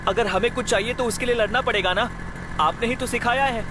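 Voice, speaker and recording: A man's voice: extremely high pitch, fairly quick, noisy background. A man dubbing a film role as a stubborn teenage schoolboy pleading with his father. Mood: defiant. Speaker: dubbing actor. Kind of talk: dubbed film acting.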